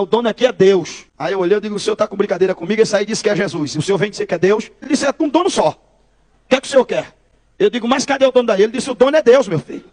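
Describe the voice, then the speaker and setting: A Brazilian man with a very high voice tells his testimony at a quick clip. He acts out the exchanges in quotes and keeps turning to his listeners as brothers, in the manner of a preacher. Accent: Brazilian Portuguese. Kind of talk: testimony storytelling.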